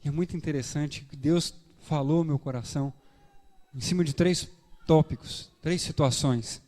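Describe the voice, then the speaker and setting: A man preaching a sermon with a Brazilian Portuguese accent, animated, acting out dialogues in shifting voices. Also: a little high, normal speed. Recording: reverberant church hall.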